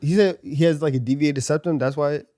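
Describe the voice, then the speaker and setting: A man's voice: on the high side, fairly quick, mellow, no room sound, clean studio sound. A man chatting casually as a panelist on a podcast. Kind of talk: casual chat.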